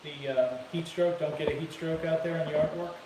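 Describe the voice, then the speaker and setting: A man's voice: on the high side, steady tone, brisk. A man co-hosting a casual live stream, offhandedly reading viewer comments aloud inside an empty new house. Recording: distant echoey voice with hiss.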